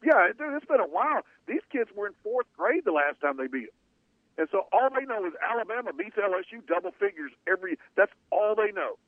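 Male sports-talk host, slightly high voice, argues his points, thin tinny broadcast crackling with fuzz distortion. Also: sing-song, brisk. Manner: opinionated, conversational, rhetorical questions. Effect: fuzzy, distorted radio signal. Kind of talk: sports talk radio chat.

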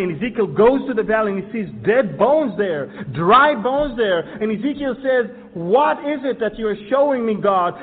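A man from Israel preaching a sermon on Bible prophecy, building from quiet explanation to loud, emphatic declarations. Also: sits high. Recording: tinny phone-like sound with long hall reverb.

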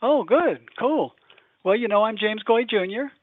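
A man calling in as a guest author, talking casually with many "uh" pauses over a phone line with a bad connection. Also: high-pitched, expressive, dry recording. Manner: chatty, with frequent "uh" pauses. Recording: tinny, dry phone line.

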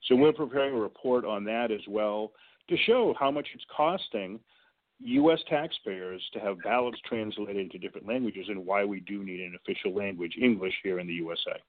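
Calling in to a radio talk show, an advocacy director argues his point emphatically and leans on sports comparisons. His voice is fairly low and a bit fast, coming through a tinny phone line.

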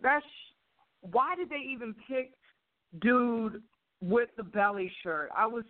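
A woman's voice: fairly high pitch, lively intonation, takes it slowly, no echo. A woman caller talking on speakerphone in an outspoken, chatty call-in conversation. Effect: on a phone speaker. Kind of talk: casual call-in chat. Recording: tinny dry phone line.

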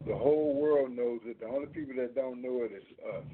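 A male host leading a talk radio discussion, asking pointed questions and repeating key phrases deliberately. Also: mid-range voice. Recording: tinny, noisy phone-like line.

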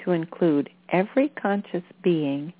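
Woman spiritual channeler, low register, soothing and deliberate, heard through a narrow phone-like recording. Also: no echo. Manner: unhurried, deliberate, with halting phrases. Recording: phone-like narrow-band sound.

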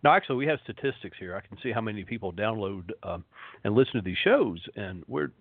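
Male host, low soothing hypnotist voice, slow and resonant, rambling monologue over a thin phone-like line. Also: expressive. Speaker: show host. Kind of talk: rambling talk show monologue. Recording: phone-like internet radio line, roomy echo.

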